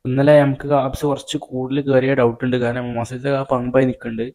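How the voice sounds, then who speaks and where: A man's voice: medium pitch, flat delivery, quick pace, darkish tone. A young man narrating a casual bodybuilding vlog in a matter-of-fact way, recorded on a phone camera in a small room at home. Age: young adult. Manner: matter-of-fact, talks through his diet and training plans. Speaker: bodybuilding vlogger.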